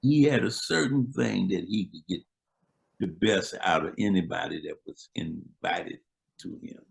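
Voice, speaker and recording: With a deep, gravelly voice at a measured pace, an older musician guest casually swaps old stories in relaxed slang. The recording sounds rough.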